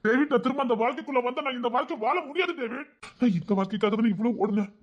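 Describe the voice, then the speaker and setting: A man plays a gang king in an audio story, pleading softly with a high Tirunelveli Tamil voice. He longs for a quiet family life and speaks with tender feeling. The recording is dull and lo-fi. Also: very fast. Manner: soft, pleading, heartfelt.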